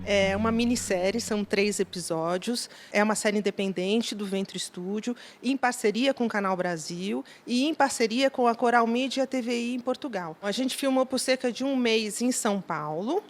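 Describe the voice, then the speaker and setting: A woman's voice: a little high, moderate pace, few pauses. A woman giving production details in an interview, matter-of-fact and informative. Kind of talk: behind-the-scenes interview.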